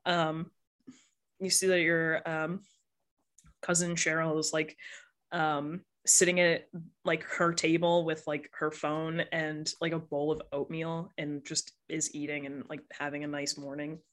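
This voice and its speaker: A woman's voice: low voice, little pitch movement, unhurried, fairly bright tone. A woman narrating a tabletop game as game master, hesitant with many fillers.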